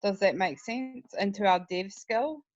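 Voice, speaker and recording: A woman leading a casual work meeting over a video call, explaining things step by step in a brisk way. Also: medium pitch. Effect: heard over a video call. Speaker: project lead in a work meeting. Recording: dull lo-fi video call audio.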